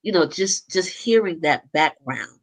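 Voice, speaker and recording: A woman hosting an interview, explaining background in a measured way before asking her guest a question. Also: sits low, animated. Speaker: host. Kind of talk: interview conversation.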